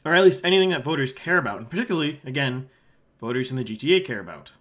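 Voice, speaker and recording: This election analyst, who hosts a channel, speaks rapid-fire in a mid-range voice with lively intonation. He's a Halifax, Canada man with a sore throat, giving casual solo commentary on a forecast map, slipping in quieter asides as he points things out.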